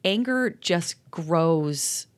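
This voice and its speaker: This woman, a therapist who co-hosts a podcast, speaks at an extremely slow pace in a fairly low, animated voice. She gives casual conversational advice, earnest and reflective, chatty and full of fillers.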